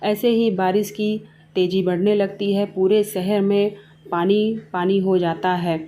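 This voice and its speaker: A woman's voice: medium pitch, steady tone, a little slow, dark tone, slight background noise. A woman narrating a family moral story in a plain, simple storytelling way.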